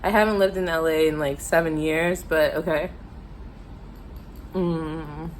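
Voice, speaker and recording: A woman's voice: low voice, steady tone, measured pace, slight background noise, low-quality recording. An American woman telling a casual, chatty, self-deprecating story to viewers while eating, her mouth sometimes full. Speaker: mukbang vlogger telling stories.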